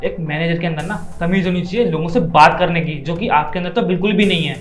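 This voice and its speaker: A man playing an unrecognized company owner in a short skit, calm and firm when talked down to. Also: on the high side, fast talker, echoey room, faint music behind, natural voice. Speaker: company owner mistaken for a cleaner.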